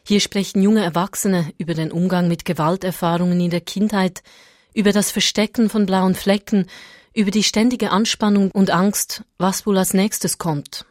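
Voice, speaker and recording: A woman reporter reading a scripted radio news feature in an even, measured way. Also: medium pitch, no room sound, clean studio sound.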